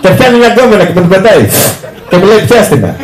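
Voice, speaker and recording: A man with a high voice performs a stand-up routine on a handheld mic, rattling through a story and playing every part himself. The club is roomy and echoey, with an audience faintly heard laughing in the background. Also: some chatter behind. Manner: rapid storytelling, acting out both sides of dialogue. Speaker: stand-up comedian. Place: comedy club on stage.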